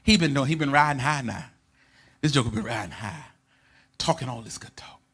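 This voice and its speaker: A male pastor, preaching a sermon in a church in a sing-song cadence that builds into shouted, chanted lines, repeating phrases for the congregation to answer. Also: mid-range voice, expressive, brisk, slightly rough. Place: church sanctuary.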